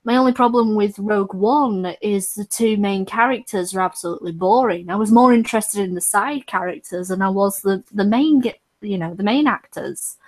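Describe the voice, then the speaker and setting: A woman's voice: medium pitch, moderate pace, hardly any pauses. A woman in her twenties chatting casually on a stream, rambling with frequent laughs. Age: 20s. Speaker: streamer hosting a chat.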